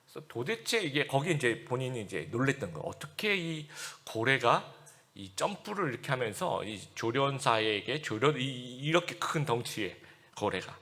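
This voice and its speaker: A man's voice: medium pitch, very animated, normal speed, pushed and bright. A man preaching a Sunday sermon as pastor, explaining scripture in a conversational way, with asides to the congregation and acted-out quotes. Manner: acts out quoted speech in the passages he reads.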